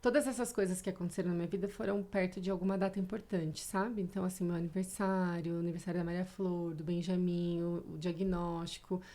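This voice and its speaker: A woman's voice: lowish voice, warm tone. A Brazilian woman in her thirties, a podcast guest telling her own story in a reflective, emotional way. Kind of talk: casual podcast conversation.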